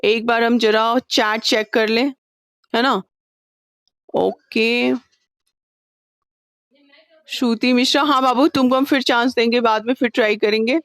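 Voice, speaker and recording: A woman's voice: fairly high pitch, steady tone, a little slow, pauses often, a bit bright, dry recording. A woman teaching an online class, patient and coaxing with her students, mixing English terms into her talk over a video call. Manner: mixes Hindi with English terms.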